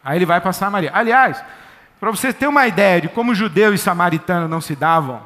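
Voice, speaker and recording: A man preaching a sermon in a church, lively, conversational and joking. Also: sits high, quick pace. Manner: lively, conversational, jokey storytelling. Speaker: pastor. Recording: echoey church hall.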